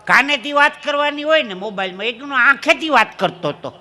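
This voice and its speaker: Speaking in a very high-pitched, bright and forceful voice with lively intonation and a fairly quick pace, this comedian from Dwarka in Gujarat, India, tells stories on stage at a folk gathering. He holds a handheld mic and laughs along with his own punchlines.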